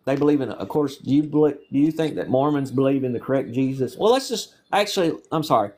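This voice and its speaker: A man's voice: medium pitch, animated, fast talker, dark tone. A man with a Southern accent asking questions on the street, patient and probing, reaching for homely examples. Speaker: street interviewer. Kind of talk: casual questioning.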